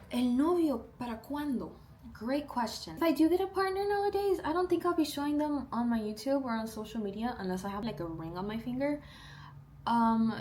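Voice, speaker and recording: There's background noise as a high-pitched, twenty-two-year-old beauty vlogger from South Texas does her makeup at home. Her casual get-ready-with-me chat is lively and upbeat, sprinkled with animated asides and playful impressions.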